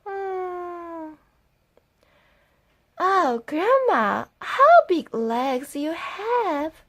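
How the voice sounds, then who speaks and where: A woman's voice: very high voice, expressive, drawn-out words, pitched above the performer's own voice, full character voice. A woman voicing a sweet, innocent little girl in a children's fairy tale, with a sing-song, wondering manner.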